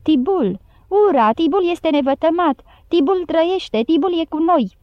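A woman reading an audiobook voices a shouting, excited town crowd. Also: very high-pitched, dry recording, lo-fi sound, voice pushed up. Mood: joyful shouts.

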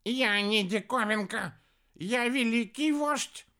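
A man voicing a tiny, shrunken creature chief who yells indignant demands. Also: extremely high pitch, a little slow, clear, resonant tone, voice pushed up. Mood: shrill, indignant. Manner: shouting, indignant.

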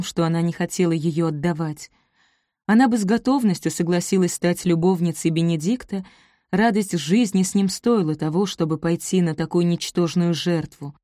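A woman reading a romance novel aloud as narrator, measured and even. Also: fairly low pitch, no room sound, studio quality. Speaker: audiobook narrator. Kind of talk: scripted narration.

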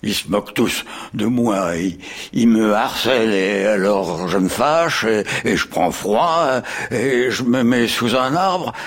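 A man's voice: lowish voice, slow pace. An actor playing a grumpy, peevish old male wasp in a radio drama, grumbling and stammering. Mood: whining.

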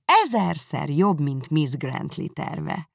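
A woman reading aloud, voicing a fawning young society lady who gushes with flattery. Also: creaky, no echo, clean studio sound, exaggerated voice. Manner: fawning, effusive, shrill.

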